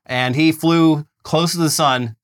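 A man's voice: fairly high pitch, fairly even intonation, slow, smooth. A man co-hosting a comedy podcast, ranting in mock outrage with sarcastic asides, then dropping to mumbles. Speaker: podcast co-host. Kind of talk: comedic political banter.

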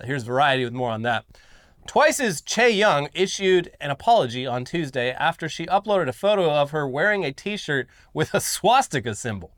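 A man co-hosting a casual news commentary show, his voice sitting a little high. He reads articles aloud, then breaks off into blunt, profane asides. The recording is dry and close, with no room sound. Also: big pitch swings, moderate pace, fairly bright tone, no echo.

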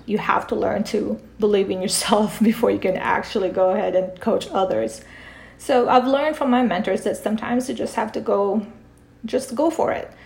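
A middle-aged woman from the Philippines speaks as a podcast guest, calm and reflective as she tells her story. Her voice has a gravelly, fried edge. She sits at a middle pitch for a woman. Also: normal speed. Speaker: guest, parent coach and author. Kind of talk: podcast interview.

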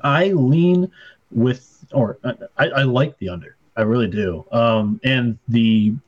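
A man co-hosting a betting podcast through a slightly muffled, lo-fi mic. His pitch is middling, and he works through numbers and records in a measured, steady way. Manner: rattles off stats in a measured way. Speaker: podcast co-host. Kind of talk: casual sports betting chat.

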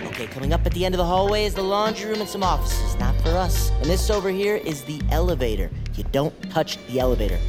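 An actor with a medium-pitched, lightly acted voice plays a manic, paranoid, chatty psychiatric patient in an audio drama. He rambles theatrically and slips into whispers like a playful tour guide.

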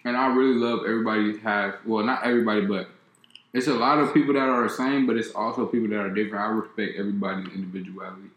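A man with a somewhat low voice talks through ideas in a casual chat. He stays mostly monotone and circles back over his own sentences. The room around him is echoey. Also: very fast, highs cut off. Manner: mostly monotone, rambling with restarts. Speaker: co-host.

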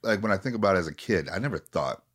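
An actor from the Minneapolis area in his late forties talks candidly and reflectively as a guest in a conversation, frequently restarting his sentences. His low voice is a bit bright, with lively intonation and a rapid-fire delivery.

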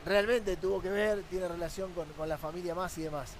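A man's voice: sits high, brisk, slight background noise. A man with an Argentine accent, a sports journalist arguing his point on a football talk panel with rhetorical questions.

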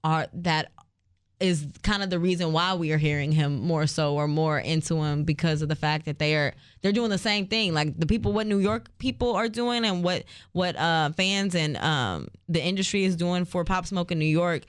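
A man's voice: a little high, moderate pace, clear, resonant tone, dry recording, clean studio sound. A man explaining his view at length in casual chat.

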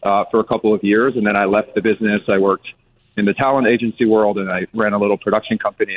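Low-voiced man on a phone-like line. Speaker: circus chief executive, guest. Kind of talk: radio interview answers. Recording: thin, phone-like band-limited sound.

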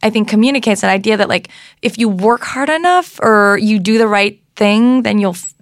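Casting note: woman host in her thirties, chatty and lively, dry close studio sound. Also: medium pitch, normal speed, no room sound. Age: 30s. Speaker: podcast host. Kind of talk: conversational interview.

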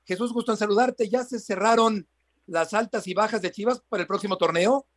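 Conductor deportivo mexicano de voz aguda. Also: male voice, high-pitched, brisk. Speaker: sports radio host. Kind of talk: live sports news presenting.

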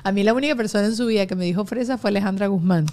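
Lively Venezuelan woman hosting a podcast. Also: mid-range voice, a little hiss or hum. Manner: lively, quick to laugh, fills with "o sea". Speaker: podcast host. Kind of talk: casual podcast chat.

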